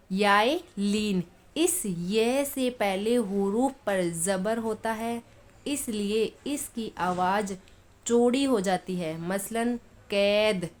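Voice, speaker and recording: Slow, patient woman teaching a lesson. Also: medium pitch. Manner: patient, repeats examples slowly, then explains quickly. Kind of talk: Urdu phonetics lesson.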